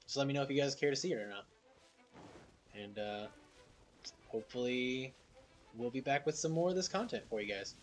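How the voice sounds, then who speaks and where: A man's voice: mid-range voice, fairly quick, long pauses, faint music behind. A man giving casual, slangy commentary on a video game, addressing his viewers.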